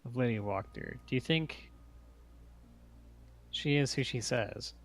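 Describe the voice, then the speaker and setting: A man's voice: medium pitch, slow pace, vocal fry. A man speaking as a suspicious adventurer in a tabletop game, asking pointed questions. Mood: probing.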